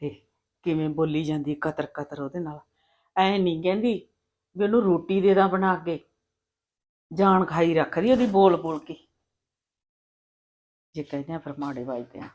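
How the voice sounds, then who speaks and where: Casting: actress as a fault-finding elder sister-in-law, dull lo-fi recording. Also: female voice, low-pitched, moderate pace, long pauses, darkish tone. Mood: gossipy. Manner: complaining, gossipy. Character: gossiping elder sister-in-law, critical of the young wife. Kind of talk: short-film drama dialogue.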